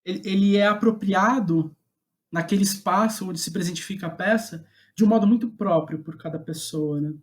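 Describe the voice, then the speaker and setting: Speaking at a moderate pace in a high voice, this man has a Brazilian accent and appears as a guest playwright in a reflective interview. His manner is hesitant and thoughtful; he reasons out loud and keeps reworking his phrasing.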